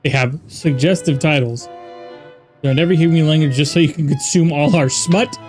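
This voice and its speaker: A man's voice: on the high side, moderate pace, faint music behind. A man playing a game on video, reading the dialogue and narration aloud with wry, exasperated quips. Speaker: gaming YouTuber.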